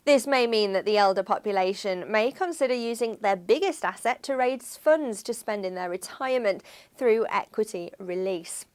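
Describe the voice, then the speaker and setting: A woman reading a scripted news-style voice-over for a finance firm in an even, measured way. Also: mid-range voice, clean tone. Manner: even, measured read of figures.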